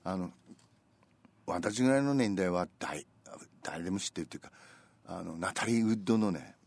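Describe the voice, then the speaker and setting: A man's voice: sits low, moderate pace, a little mellow, no echo. An older man with a Tsugaru accent chats casually as a radio co-host, speaking folksy dialect with colloquial endings. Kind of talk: casual chat.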